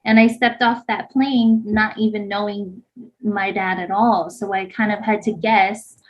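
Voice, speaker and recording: Casual and rambling, a Hawaii-raised woman in her thirties shares a personal story as a podcast co-host, leaning hard on "like." Her delivery is flat and somewhat slow in a mid-range voice, heard through slightly dull lo-fi audio.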